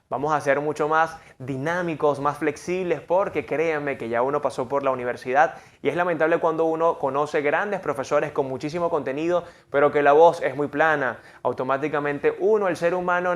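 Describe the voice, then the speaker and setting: A man teaching a lesson on voice and persuasion. His voice sits fairly high, and he shifts it widely to demonstrate each point. He speaks with clear emphasis. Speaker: voice and speaking coach. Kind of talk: lesson on vocal technique.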